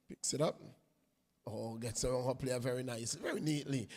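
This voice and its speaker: A man giving unhurried live play-by-play commentary on a women's football match, lifting his voice when play gets close to goal. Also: mid-range voice, darkish tone, in a large hall. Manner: unhurried play-by-play, rising on attacks.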